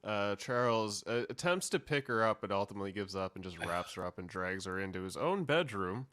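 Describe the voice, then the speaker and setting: A man's voice: lowish voice, lively intonation, a little fast, a bit bright. A man hosting a podcast, casually recapping a film in a wry, informal way. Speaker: podcast host.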